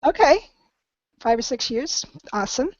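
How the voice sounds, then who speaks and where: A woman's voice: high voice, lively intonation, normal speed, no room sound, dull audio. A woman teaching a live online English class, patient and encouraging, with many ums.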